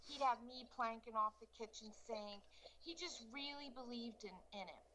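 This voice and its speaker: A soft-spoken woman from Baltimore with a slightly high voice, telling her story as an interview guest. She comes through a webcam mic with a faint hiss of noise behind her. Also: moderate pace. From Baltimore, United States. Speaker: guest, charity founder.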